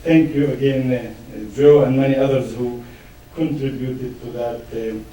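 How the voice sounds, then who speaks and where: A middle-aged man from Israel with a Palestinian Arabic accent gives an academic lecture, pausing often with fillers and restarts. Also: mid-range voice, fairly even intonation, warm tone. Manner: hesitant, many fillers and restarts. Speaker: guest lecturer. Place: large lecture room. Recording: echoey hall, mic far off.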